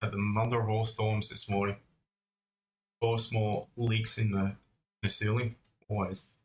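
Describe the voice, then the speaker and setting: A man on the low side of pitch, with little movement in it, speaks unhurriedly on his live trading stream. His market commentary is loose and conversational, directed at viewers he calls "mate" and "guys," while he recovers from a cough and a lost voice. Faint music and room echo can be heard.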